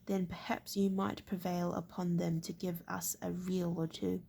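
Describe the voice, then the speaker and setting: A woman's voice: lowish voice, little pitch movement, moderate pace, vocal fry, dark tone, breathy edge. A woman voicing an easygoing, friendly baron in a storybook reading. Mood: easy. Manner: easy, friendly.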